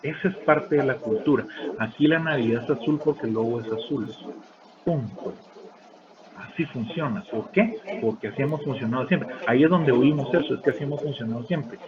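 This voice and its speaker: A man, a lecturer in an online class, telling anecdotes and acting out quotes with lively shifts of voice. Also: mid-range voice, brisk, a crowd in the background. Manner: lively storyteller, acts out shouted quotes. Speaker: university lecturer. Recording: muffled call audio with background noise.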